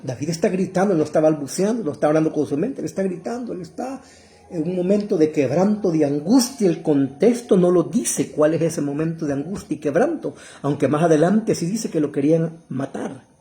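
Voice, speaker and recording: A middle-aged man preaching a fervent sermon, calling listeners brother and rising to loud cries. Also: a little high, animated, a little fast. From El Salvador.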